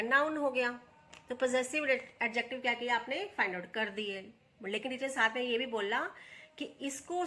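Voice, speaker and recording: A woman with an Indian accent teaching English grammar, reading example sentences slowly and then answering her own questions. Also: sits high, bright, forceful tone. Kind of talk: explaining English grammar step by step.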